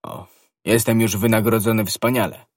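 A man's voice: fairly low pitch, moderate pace, no echo, studio quality, close to an everyday voice. A man doing an ardent young guardsman. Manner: ardent, impulsive. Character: bold, hot-headed young male guardsman.

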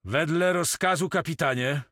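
A man's voice: fairly high pitch, normal speed, fairly bright tone, dry recording, pitched above the performer's own voice. A well-mannered nobleman speaks in a raised, slightly lifted voice, polite and apologetic, as a male narrator puts him on. The reading is dry and close, like an audiobook character. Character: courteous male nobleman, the count.

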